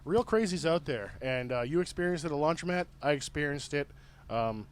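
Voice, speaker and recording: A man's voice: fairly high pitch, lively intonation, brisk, clean tone. A man co-hosting a podcast, telling rambling stories in casual chat, laughing often and swearing freely. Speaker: podcast co-host.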